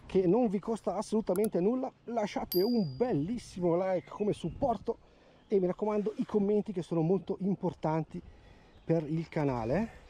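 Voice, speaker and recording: A man magnet fishing along a river, narrating his finds in an excited, chatty vlog voice. He sits a bit high in pitch with a mellow, darker tone. He keeps repeating words as objects come up out of the water, and there is faint outdoor noise underneath. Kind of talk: casual outdoor vlog commentary.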